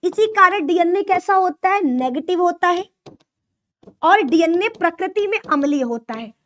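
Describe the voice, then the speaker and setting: A young woman teaching biology online in Hindi with an eastern UP-Bihar lilt. Her voice sits very high. She repeats each point and quizzes her students as she goes. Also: animated, measured pace, fairly bright tone. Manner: repetitive, call-and-response teaching with mnemonic jokes. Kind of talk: online class lecture.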